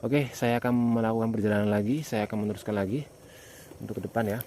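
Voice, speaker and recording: A man hosts a casual night exploration vlog. He talks to his viewers in hesitant, repetitive phrases broken by pauses. He is outdoors, with insect noise behind him. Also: on the low side, steady tone, warm tone.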